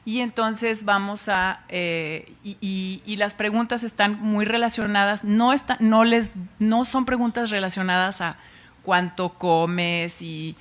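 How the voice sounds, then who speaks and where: A Mexican woman with a Mexican Spanish accent, giving an informal public science talk in a chatty way, often pausing and restarting. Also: mid-range voice, steady tone. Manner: chatty, with frequent fillers and restarts.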